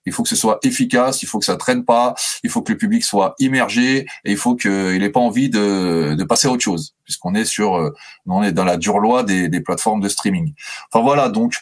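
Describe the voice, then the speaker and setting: A man with a fairly low voice co-hosts a film podcast. He talks haltingly, with many fillers and restarts. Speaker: podcast co-host.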